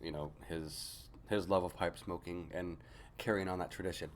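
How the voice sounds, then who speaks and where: Very deep-voiced man, casual and musing. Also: fairly even intonation, slight background noise. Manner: musing, halting, trailing into asides. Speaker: pipe tobacco reviewer. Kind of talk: casual unscripted product review.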